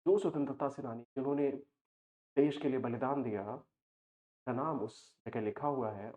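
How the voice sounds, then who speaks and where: A young adult man teaching vocabulary for exam prep, explaining patiently and slowing down to read example sentences aloud. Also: medium pitch, darkish tone. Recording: tinny phone-like audio.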